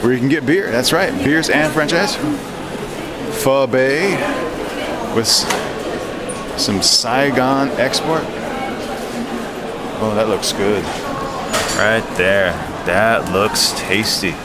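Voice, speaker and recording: Guy doing a chatty walk and talk travel vlog, normal pitched voice, really noisy station behind him. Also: animated, slow pace, long pauses. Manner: chatty running commentary, pointing things out as he walks. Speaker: vlogger and tour guide. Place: walking through a busy train station and its surroundings. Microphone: handheld action camera. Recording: clear outdoor station and street noise.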